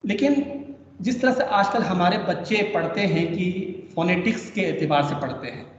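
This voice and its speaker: A man teaching an online language lesson, patient and repeating each point slowly, heard over a video call. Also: high voice, animated, a little hiss or hum. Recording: echoey, distant, dull online class audio.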